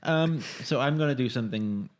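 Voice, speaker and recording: A man's voice: mid-range voice, moderate pace. A man co-hosting a podcast, chatting casually and candidly, rambling a bit when he gets wound up. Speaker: podcast co-host. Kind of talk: casual chat.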